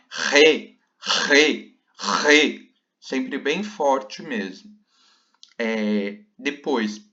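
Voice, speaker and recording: Male teacher, slow delivery, lots of fillers and tag questions, dull lo-fi sound. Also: medium pitch, a bit bright. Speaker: Spanish teacher. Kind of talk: recorded slide lesson.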